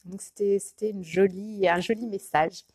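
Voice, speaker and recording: A woman's voice: medium pitch, fairly even intonation, moderate pace, a little mellow, slightly rough, no room sound. Hesitant chatty woman coach, dry sound. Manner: hesitant, many fillers and restarts; chatty, greets viewers by name. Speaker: life coach. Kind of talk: casual live video chat.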